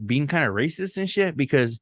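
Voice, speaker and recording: Fairly high in pitch, animated and a little fast, this young male podcast co-host keeps the talk casual. He spins stories with slang and sprinkles in some Spanish words.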